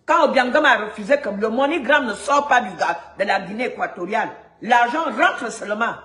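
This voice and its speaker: A woman's voice: on the high side, expressive, brisk, fairly bright tone. A woman from Gabon delivering a heated, indignant rant, repeating words when she gets stuck. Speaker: activist vlogger. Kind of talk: heated ranting monologue. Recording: echoey room.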